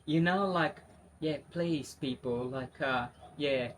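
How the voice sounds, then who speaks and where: A Brazilian man, a native Portuguese speaker, talks in English with a Brazilian accent as a guest in a casual interview, chatty and spontaneous, full of fillers and restarts. His voice is fairly high and a bit bright, and he speaks slowly. There's a faint hiss or hum on the recording.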